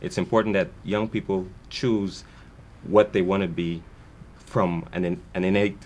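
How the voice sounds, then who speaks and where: A very low-voiced man from Guyana answers questions as a guest on a morning television show. He talks earnestly in long, winding sentences, often restarting them mid-thought. A faint hiss sits under the voice. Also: fairly even intonation, unhurried, darkish tone. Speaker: guest, foundation founder. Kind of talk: television interview.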